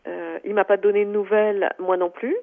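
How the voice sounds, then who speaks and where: A woman's voice: medium pitch, little pitch movement, a little fast. A woman calling in to tell a personal story, talking hesitantly with many fillers and restarts. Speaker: caller. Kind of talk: phone-in personal account. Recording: tinny phone line.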